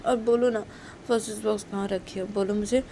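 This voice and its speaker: A tearful, pleading young woman, raised and soft, begging forgiveness again and again, as a storyteller acts her out. Her voice sits well above the narration, with a faint hiss in the background. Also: mid-range voice, fairly even intonation, brisk, voice pushed up, natural voice. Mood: apologetic. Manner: soft pleading, repeats sorry. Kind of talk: storytelling role-play.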